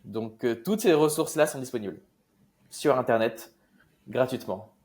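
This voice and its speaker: A man's voice: mid-range voice, moderate pace, darkish tone. A young man from Marseille, speaking as an investor guest in a casual interview, loose and hesitant with many fillers. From Marseille, France.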